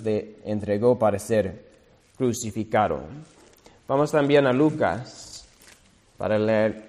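A man preaching a sermon, reading scripture aloud slowly and deliberately, now and then correcting himself. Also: mid-range voice, a little mellow, in a large hall.

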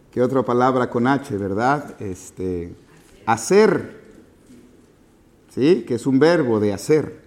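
A man's voice: medium pitch, a little mellow. A man preaching as a pastor, chatty and teasing, stopping to quiz the congregation. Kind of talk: sermon with asides to the congregation. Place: church.

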